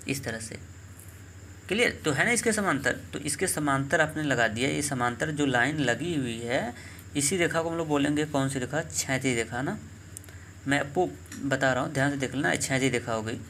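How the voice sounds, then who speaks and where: A man teaching a math lesson, explaining step by step, repeating key terms slowly and checking in with quick questions to his students. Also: medium pitch, fairly bright tone, slight background noise. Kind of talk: classroom lesson explaining geometry.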